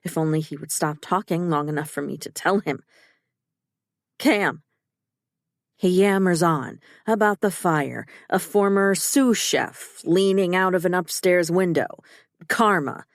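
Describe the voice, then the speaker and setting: A woman's voice: fairly low pitch, moderate pace, dry recording, studio quality. A woman narrating a first-person thriller audiobook in a tense, urgent and emotional way.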